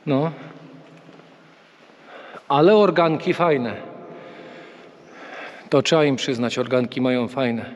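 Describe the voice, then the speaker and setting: A man's voice: mid-range voice, slow, long pauses. A young man casually vlogging a pilgrimage walk, chatting and joking with viewers as he wanders outdoors and through a small church. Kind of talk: casual vlog talk to camera.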